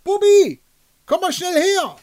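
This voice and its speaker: A man voicing a cheerful, excitable grown man at a carnival party who talks loudly and jovially. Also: medium pitch, a little slow, breathy edge, dry recording, heavily acted. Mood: exuberant. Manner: jolly, loud, exclamatory.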